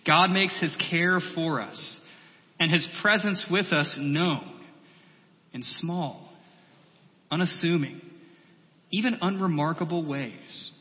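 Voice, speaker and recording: A male pastor delivering a measured sermon, building through repeated phrases and dropping to a soft, quiet voice. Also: on the high side. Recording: long hall reverb, muffled sound.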